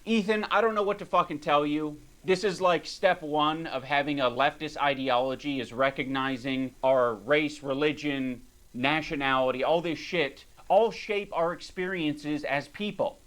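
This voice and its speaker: A man's voice: fairly high pitch, moderate pace, a bit bright. A man doing video commentary in an emphatic, blunt way, swearing as he makes his points. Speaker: reaction commentator.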